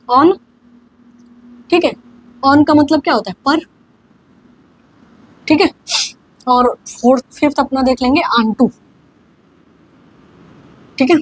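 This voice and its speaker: A woman's voice: high voice, low-quality recording. A young woman giving a casual online grammar lesson, often checking that students follow and dictating examples word by word. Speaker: English grammar teacher.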